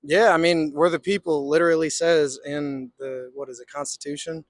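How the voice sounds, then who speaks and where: A man's voice: fairly high pitch, fairly even intonation, normal speed, dry recording. A man from Texas with a Southern accent, chatting casually in a street interview in a folksy, hesitant way. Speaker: interviewee, construction laborer.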